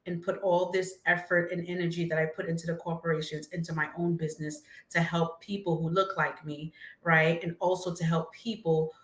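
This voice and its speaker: A finance entrepreneur from Brooklyn, New York answers interview questions as a guest, friendly and using frequent filler words. Her lowish voice shows little pitch movement at a moderate pace with hardly any pauses, in an echoey room.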